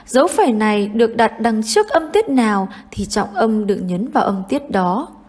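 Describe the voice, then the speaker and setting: A young woman teaching an online English lesson with a Vietnamese accent, high in pitch. She speaks clearly and at a measured pace, in the manner of a teacher guiding young pupils. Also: expressive, a little mellow.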